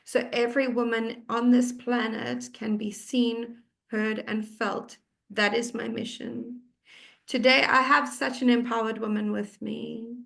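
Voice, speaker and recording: A woman's voice: fairly high pitch, little pitch movement, unhurried, vocal fry, fairly bright tone. A woman hosting an interview series, opening it with an earnest, mission-driven introduction and welcoming her guest. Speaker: host and founder of the series.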